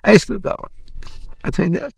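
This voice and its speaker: A man, a spiritual teacher, gently instructing a child through repeated questions. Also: fast talker, no echo. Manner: animated, repetitive questioning.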